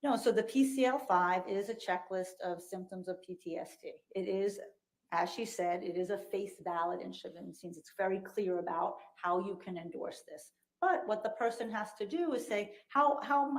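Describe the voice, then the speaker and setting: A woman giving expert testimony as a psychologist, explaining in measured, clinical terms, heard through a courtroom recording. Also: mid-range voice, poor audio. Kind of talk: courtroom testimony under questioning.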